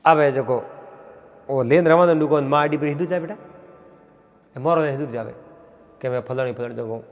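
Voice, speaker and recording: A man with a Marwari accent telling a traditional folk tale in a rhythmic, repetitive way, pausing often. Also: medium pitch, in a large hall. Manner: repetitive, rhythmic telling with frequent pauses and fillers. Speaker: folk storyteller.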